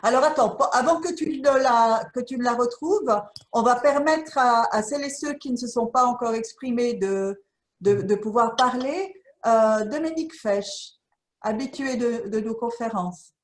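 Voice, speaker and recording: A woman moderating an online meeting, handing the floor briskly and encouraging others to speak. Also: a little high. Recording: echoey room sound.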